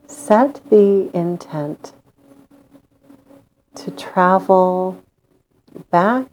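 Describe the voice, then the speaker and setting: Woman doing guided meditation, soft mellow tone, lowish voice, calm and gentle w/ long pauses. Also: slight background noise, rough recording. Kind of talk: guided meditation, slow and soothing.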